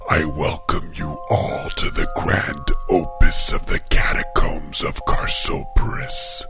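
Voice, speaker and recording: A man voicing a deep, wet-voiced demon. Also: full character voice. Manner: rigid, overly pronounced words, slow and half-whispered. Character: tall genderless demon, cold and commanding.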